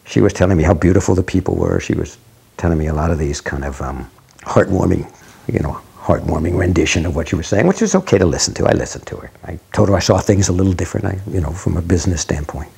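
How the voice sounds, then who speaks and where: A man's voice: low voice, expressive, quick pace, creaky, darkish tone, slight background noise. A man, the landowner, giving a blunt, dismissive interview, chuckling at times.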